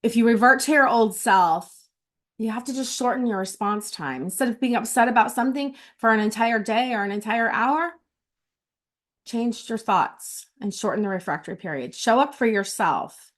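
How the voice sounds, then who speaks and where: A woman's voice: on the high side, normal speed, fairly bright tone. A middle-aged woman in a casual vlog sharing her notes from a retreat, heartfelt and close to tears, often restarting her phrases. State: tearful.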